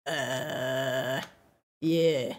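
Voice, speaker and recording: A woman voicing a wary male were-rat in a tabletop game, with a twitchy, squeaky rat voice and nervous, halting speech. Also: fairly even intonation, exaggerated voice. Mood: uneasy.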